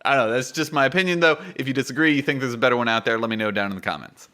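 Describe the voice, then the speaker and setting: A man's voice: mid-range voice, rapid-fire, sharp tone, clear, resonant tone. A man in his twenties hosting a gaming guide, explaining in an informal, conversational and emphatic way into a close studio microphone. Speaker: YouTube gaming guide host. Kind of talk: informal explanatory video commentary. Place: small indoor home studio. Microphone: close microphone on boom arm.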